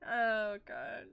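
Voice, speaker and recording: Bright-voiced giggly young woman streamer. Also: on the high side, creaky, smooth, dull audio. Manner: giggly, rambling, laughs often. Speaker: VTuber streamer. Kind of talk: casual chat while painting.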